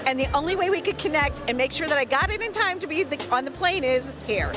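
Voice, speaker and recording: A woman's voice: sits high, lively intonation, fast talker. A woman talk show host interviewing guests on a busy expo floor and gushing over what she sees. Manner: effusive, gushing. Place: busy travel expo hall. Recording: noisy expo floor with music. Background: music and crowd chatter.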